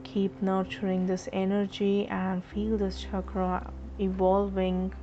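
A woman leading a guided chakra meditation in a slow, soothing, instructive way. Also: medium pitch, monotone, noisy background. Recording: slightly dull audio with faint music.

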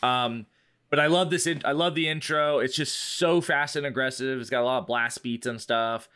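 A man's voice: mid-range voice, normal speed, bright, forceful tone, clear, resonant tone. Easygoing male co-host who curses and laughs his way through an album review. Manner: loose and laughing, swears, many fillers. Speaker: podcast co-host. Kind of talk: casual chat reviewing an album.

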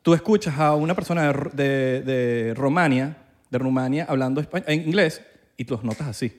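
A man's voice: medium pitch, moderate pace. A Venezuelan man hosting a casual chat, joking around and mimicking other accents. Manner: playful, jokes and mimics accents.

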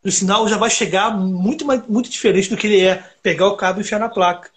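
A Brazilian man with a high-pitched voice talks fast and shop-focused in a loose, rambling way, much like a recording engineer on a podcast. His animated stories are full of fillers and asides, and the exchange is a casual podcast chat.

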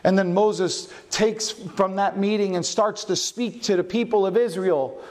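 A pastor preaching a sermon, asking his congregation questions and varying his pace and loudness for emphasis. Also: sits high, fairly even intonation, a little slow. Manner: asks the congregation questions and answers them.

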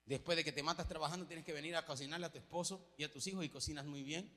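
A male pastor preaching a sermon, emphatic and calling out to the congregation, swinging between loud exclamations and hushed lines. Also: a little high, steady tone, very fast. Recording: long hall reverb.

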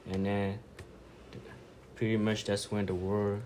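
A man's voice: lowish voice, level tone, slow pace, a little mellow, slight background noise. A young man talking casually in a group discussion, loose in his storytelling.

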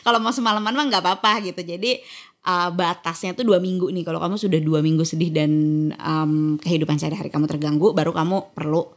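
Fast-talking woman in casual chat. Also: on the low side. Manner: chatty, lively, often acts out quoted speech. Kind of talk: casual conversation.

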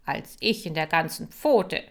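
A woman voicing an excitable, cheerful little male hamster. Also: sits low, unhurried, heavily acted. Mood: gleeful.

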